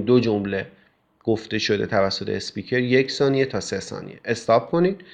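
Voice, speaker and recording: Male teacher, step-by-step explanation, filler sounds, slightly dull lo-fi recording. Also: medium pitch. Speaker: English teacher. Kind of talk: classroom explanation.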